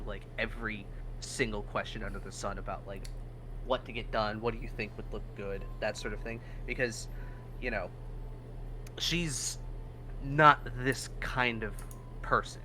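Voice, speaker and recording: A man acting as game master, narrating a tabletop game casually in halting, improvised phrases. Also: on the low side, sharp tone, a little hiss or hum, rough recording.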